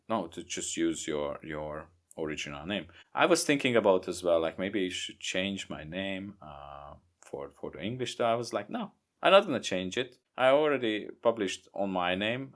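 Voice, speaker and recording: A young Hungarian man with a Hungarian accent, a guest author talking casually in a podcast interview, halting and repeating words. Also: deep voice, fairly bright tone. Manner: halting, repeats words, non-native grammar. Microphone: remote podcast recording.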